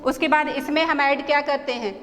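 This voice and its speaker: A woman teacher with an Indian accent, slowly explaining letters and their pronunciation, often repeating herself and checking whether the class understands. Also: high-pitched, steady tone, fairly bright tone. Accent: Indian English. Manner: slow, repetitive explaining, mixing Hindi and English, checks understanding. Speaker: English teacher. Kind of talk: classroom lesson explaining spelling. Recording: echoey room with faint background noise.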